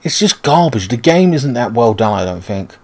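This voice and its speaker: A man's voice: medium pitch, big pitch swings, normal speed, a little mellow. A man giving casual, rambling, sweary commentary as he plays a video game. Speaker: gaming video host.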